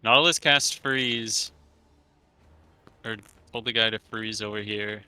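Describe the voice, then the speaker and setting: A man's voice: fairly low pitch, steady tone, slow pace, pushed and bright, clean tone. A man playing a tabletop game, talking casually and hesitantly as he works out his move.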